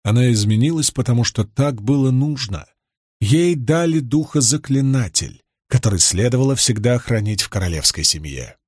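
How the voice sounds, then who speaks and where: Steady male audiobook narrator, dry sound. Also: medium pitch, normal speed, no echo.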